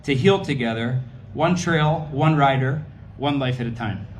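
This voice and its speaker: A man's voice: medium pitch, unhurried, a little hiss or hum. A man gives an earnest, rhythmic closing speech of thanks at a gala dinner.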